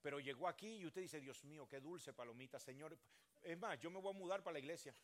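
A man's voice: on the high side, fast talker. An older man preaching a sermon as a pastor, acting out churchgoers in voices as he talks.

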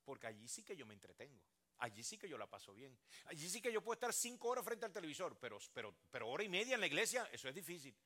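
A high, bright voice belongs to an older male preacher who delivers his sermon in a lively, theatrical way. He slips in and out of acted voices of churchgoers and swings between loud bursts and soft asides. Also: quick pace. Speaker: pastor.

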